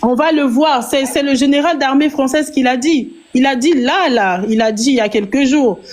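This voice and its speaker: A woman speaks as a guest in a political discussion. Her fairly high voice is insistent, and she hammers points home by repeating them. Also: moderate pace, darkish tone. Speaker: guest commentator.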